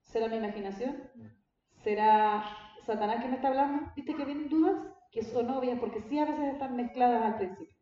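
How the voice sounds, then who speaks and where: A woman's voice: fairly high pitch, fairly quick, warm tone, a little hiss or hum. A woman pastor, teaching her congregation in a conversational way and often asking them questions. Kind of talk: church teaching talk. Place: church hall. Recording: very echoey church hall, dull sound.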